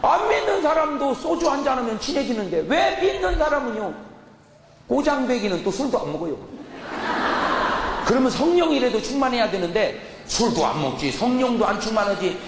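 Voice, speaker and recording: A man preaching a sermon as a pastor, putting questions to the congregation and answering them himself, sometimes shouting in mock anger. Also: very high voice, very animated, normal speed. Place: large church hall. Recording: echoey church hall with room noise.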